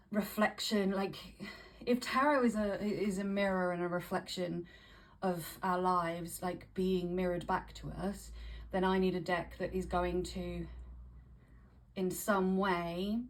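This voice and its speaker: A vlogger showing tarot decks chats casually to camera in a lowish voice. Hay fever leaves her breathy and a little short of breath, and she often restarts and repeats her phrases.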